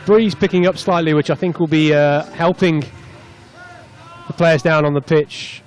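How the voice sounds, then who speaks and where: A man's voice: a little high, normal speed. A man commentating live on a rugby tens match from the stand of an open stadium, chatty between plays and lifting when play breaks open. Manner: chatty, rising excitedly on breaks.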